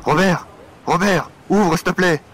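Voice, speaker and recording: A man's voice: lowish voice, steady tone, fast, fairly bright tone, slight background noise, natural voice. A man playing a desperate, protective father in an audio horror drama, speaking urgently and insistently. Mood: panicked, shouting. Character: desperate protective father warning of zombie attack.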